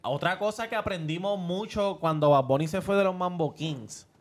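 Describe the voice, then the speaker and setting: A man's voice: high voice, moderate pace. A young adult man with a Puerto Rican accent, co-hosting a podcast and pressing his points insistently, repeating himself to hold the floor. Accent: Puerto Rican Spanish. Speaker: podcast co-host. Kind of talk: casual chat.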